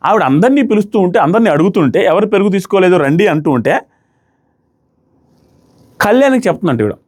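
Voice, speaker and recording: A man's voice: high-pitched, very animated, fast talker, a little mellow. A young man reviewing a reality show, giving emphatic, argumentative commentary and hammering the same points again and again. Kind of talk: opinionated commentary.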